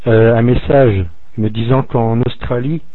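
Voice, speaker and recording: A man's voice: mid-range voice, steady tone, a little slow, no echo. A man calling in to ask a question of a teacher, speaking hesitantly with many fillers. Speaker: caller asking a question. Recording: dry phone-like line.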